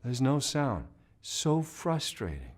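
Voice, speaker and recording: A man of medium pitch teaches singing in an instructional video, speaking slowly with huge pitch swings. He takes his time explaining, asks "right?" to check understanding, and demonstrates hoarse and humming sounds mid-explanation.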